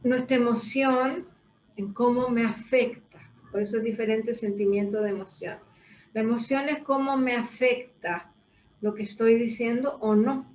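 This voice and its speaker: A woman speaks in a high, light voice, setting out her ideas slowly and thoughtfully as a voice teacher. She sits away from the microphone in a roomy, echoing space, with faint ambience behind her. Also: a little mellow, far from the mic, slight background noise. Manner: explanatory, thoughtful, with pauses. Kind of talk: reflective conversation.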